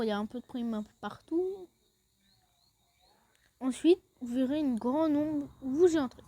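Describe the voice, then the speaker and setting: The recording is dry, and her high voice has a slightly mellow quality. A woman who creates gaming videos talks casually and chattily through a game one step at a time, often leaning on "then" to introduce each step.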